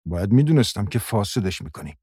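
A man voicing a brutal, angry middle-aged husband who shouts threats in a dry, husky voice. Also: lowish voice, very animated, dry recording. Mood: spiteful. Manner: shouting, menacing.

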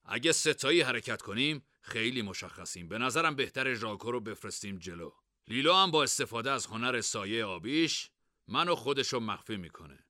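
A man voicing a cheeky, greedy young man who haggles loudly. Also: medium pitch, animated, no room sound, clean studio sound. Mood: scheming. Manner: loud, bargaining, indignant.

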